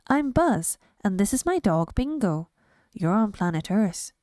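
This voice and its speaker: A woman's voice: mid-range voice, big pitch swings, measured pace, mellow, dry recording, studio quality. A woman voicing a cheerful, kind boy who loves adventures. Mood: eager.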